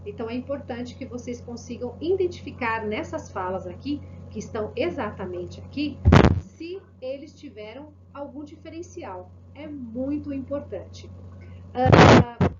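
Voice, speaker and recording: A woman's voice: fairly high pitch, lively intonation, a little slow. A Brazilian woman teaching an online Spanish class, encouraging and asking many rhetorical questions. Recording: muffled lo-fi audio with background hiss.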